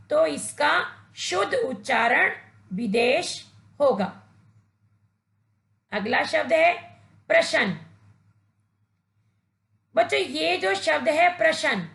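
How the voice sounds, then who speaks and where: Brief: woman teacher, high voice, very gravelly, patient lesson for kids, echoey room. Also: fairly bright tone. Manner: patient, instructive, addresses children directly. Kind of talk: slow, deliberate Hindi grammar lesson for children.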